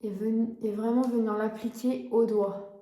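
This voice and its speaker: A woman's voice: a little high, steady tone, a little slow, warm tone, echoey room. A woman in her twenties chatting casually as a beauty vlogger, with frequent hesitations. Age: 20s. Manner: chatty, frequent "euh" fillers. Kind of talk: casual vlog chat.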